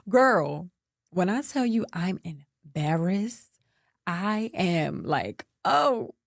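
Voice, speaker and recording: A woman in her thirties hosts her own storytelling podcast, speaking. She tells her story with sass and animation, addressing her listeners as "girl." Her voice sits low and the close recording is dry. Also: extremely slow, no echo. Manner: animated, sassy, talks straight to listeners as "girl". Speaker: podcast host.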